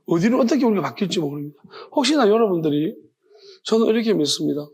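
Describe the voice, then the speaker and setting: A man's voice: high-pitched, animated, quick pace, a little mellow, breathy edge. A man preaching an informal evening sermon as a pastor, telling rambling personal stories. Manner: conversational, rambling, self-correcting. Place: church sanctuary.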